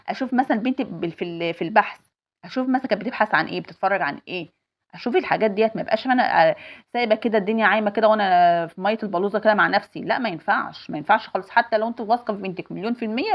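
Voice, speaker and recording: Speaking at medium pitch over lo-fi audio, an Egyptian-accented woman in her forties presses her advice on fellow mothers. She hammers home her points through emphatic repetition.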